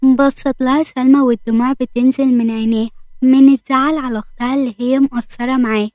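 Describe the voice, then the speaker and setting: Fast-talking Egyptian woman narrator. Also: high-pitched, steady tone, dark tone, dry recording. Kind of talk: storytelling narration.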